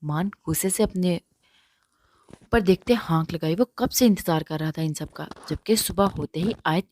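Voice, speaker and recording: A woman narrating a romance novel in a steady, even reading voice. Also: low voice, no echo. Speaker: audiobook narrator.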